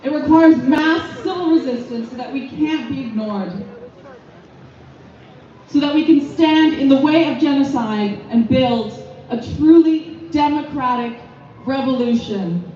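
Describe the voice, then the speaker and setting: A young woman giving an impassioned rally speech at an outdoor street protest, forceful and full of repeated phrases. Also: high-pitched, unhurried. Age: young adult. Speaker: youth activist speaker. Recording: echoey, distant, muffled outdoor PA sound.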